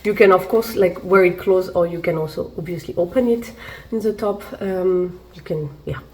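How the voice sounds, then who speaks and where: Her fairly low, dark-toned voice moves at a moderate pace over slight background noise. The speaker, a fashion vlogger recovering from a cold, gives a chatty try-on haul review riddled with fillers and restarts, using a camera mic while seated.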